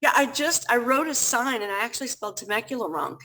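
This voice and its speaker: A woman's voice: on the high side, fast, rough recording. Chatty woman telling her story. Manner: animated, chatty, acts out quoted speech. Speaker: food pantry founder, guest. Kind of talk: casual interview storytelling.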